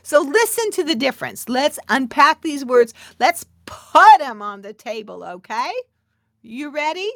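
Recorded in a clean studio with no echo, this middle-aged woman has a high, very animated voice with a fairly bright tone, and she doesn't rush. Hosting her podcast, she addresses listeners directly and playfully, full of chatty asides and laughs, lowering into whispers for emphasis.

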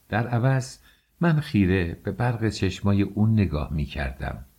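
A man reads a novel aloud in a calm, measured way. His voice sits very low, with a dark, mellow tone. The reading stays steady and unhurried. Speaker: audiobook narrator. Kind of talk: scripted audiobook narration.

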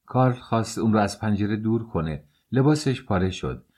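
A man's voice: on the low side, lively intonation, a little mellow, husky. A man voicing a flustered middle-aged landlady with a German accent who pleads her case indignantly. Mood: aggrieved.

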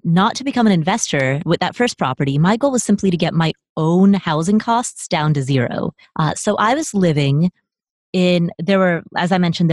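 Woman guest, slightly low voice, dry close mic, animated and chatty. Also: no echo. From Nepal. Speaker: podcast guest. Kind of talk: conversational interview.

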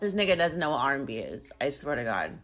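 A woman in her twenties hosting her own podcast in casual, playful chat that swings between loud bursts and low mumbles. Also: very animated, quick pace. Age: 20s. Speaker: podcast host. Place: home in Arizona. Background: music beat playing.

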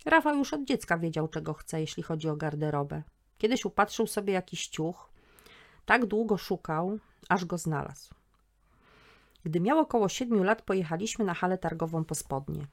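A woman host narrating her own story episode in a calm, gently ironic way. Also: fairly low pitch, normal speed.

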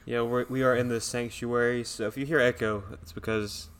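A man's voice: medium pitch, flat delivery, a little fast, a bit bright, smooth. Laid-back guy cohosting a church podcast, sanctuary echo all around him. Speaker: podcast co-host.

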